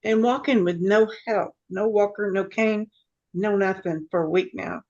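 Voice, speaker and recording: A woman's voice: medium pitch, measured pace, darkish tone, highs cut off. A woman on a panel chatting casually over a video call, chiming in with short, friendly remarks. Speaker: panel guest. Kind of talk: casual chat.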